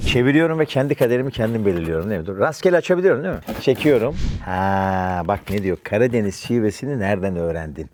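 Brief: middle-aged actor, chatty storyteller, low-pitched, rapid delivery. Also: male voice, expressive, darkish tone, slight background noise. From Istanbul, Turkey. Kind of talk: casual interview answers.

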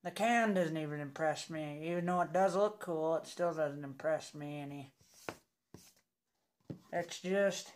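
A young man giving a casual, rambling review in a halting, unimpressed way, talking with a lip packed full of dip. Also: a little high. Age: young adult. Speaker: product reviewer. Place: indoors in a home room.

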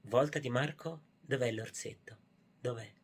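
A man doing a playful puppet show for a baby, talking softly in a hushed, coaxing way. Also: mid-range voice, measured pace, breathy edge.

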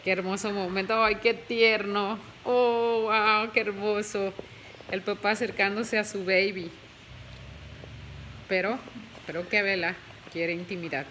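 Woman home vlogger, leisurely pace, bright tone, doting chatter with English words mixed in. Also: medium pitch, fairly even intonation, unhurried, pauses often, a little hiss or hum, poor audio. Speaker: family vlogger. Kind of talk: casual home vlog narration. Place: at home beside a birthing dog.

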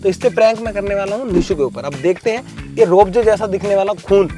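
A man's voice: sits high, fast talker, over music. A young man casually narrating his prank vlog in a joking, playful, self-mocking way. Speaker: prank vlogger.

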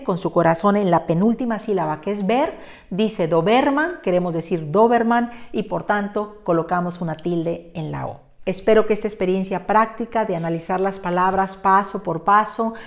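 A woman teaching spelling, methodically walking through each step in a close voice-over. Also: medium pitch. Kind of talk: instructional lesson narration.

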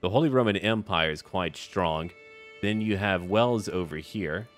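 A man with a deep voice speaks a little slowly while giving casual, in-character strategy game commentary for a gaming video. He thinks aloud in short remarks aimed at the characters, with background music behind his voice.

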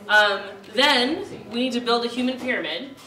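A woman with a somewhat high voice loosely coordinates a group, laughing often and filling gaps with ums. She sounds off mic, in a roomy, echoing space. It is relaxed, casual group talk. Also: normal speed, distant mic. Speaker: challenge organizer.

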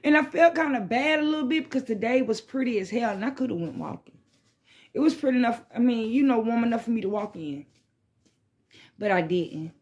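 A woman with a somewhat high, expressive voice with a breathy edge talks briskly as she hosts a smoke session in a small indoor bedroom. Her chat to the phone camera, propped at arm's length or a bit more, is rambling and stoner-casual, full of slang, swearing and repeated phrases.

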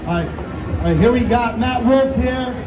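A man interviewing people live on stage at a press conference, talking haltingly and repeating his phrases. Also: extremely high pitch, recorded from a distance, noisy background. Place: indoor venue stage. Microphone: handheld microphone, distant camera. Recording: echoey stage PA from afar, loud crowd.

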